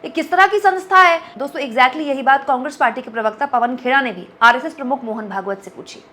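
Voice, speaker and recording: A woman's voice: sits high, fast talker, sharp tone, faint music behind. A woman giving political commentary straight to her viewers, pressing one rhetorical question after another. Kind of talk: direct-to-camera political commentary.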